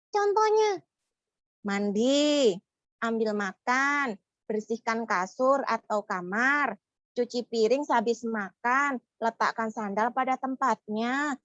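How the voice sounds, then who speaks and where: A young woman telling stories to young schoolchildren, slow, animated and coaxing. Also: a little high, no echo. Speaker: children's storyteller. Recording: slightly muffled, dry sound.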